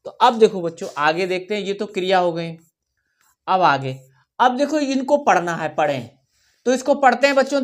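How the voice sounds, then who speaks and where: A woman teaching a children's workbook lesson, reading words slowly and repeating them for the class to follow, often checking in as she goes. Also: medium pitch. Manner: slow, repeats words for children to read along; checks in often with "theek hai". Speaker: primary school teacher.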